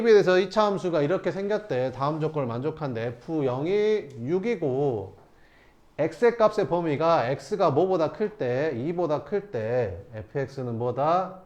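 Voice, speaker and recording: A man's voice: a little high, lively intonation, measured pace, lo-fi sound. A man teaching math to students, asking rhetorical questions and answering them himself. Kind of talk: lecturing students through problems.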